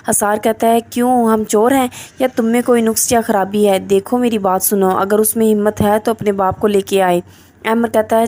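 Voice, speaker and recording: Flat-toned woman narrating a recap. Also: medium pitch. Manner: reads the characters' lines in her own voice. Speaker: drama reviewer.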